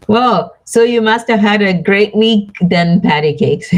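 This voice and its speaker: Female live-stream card reader, low pitch, unhurried, soothing, chatty with her audience. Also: a little mellow, rough recording. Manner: slow, soothing, chats with viewers by name. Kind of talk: live stream chat, reading cards.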